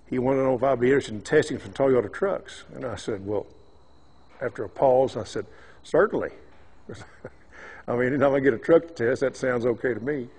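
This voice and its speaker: A man with a West Texas twang telling his story in a relaxed, unhurried, folksy way, pausing as he goes. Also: medium pitch, breathy edge. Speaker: truck-testing cattle rancher.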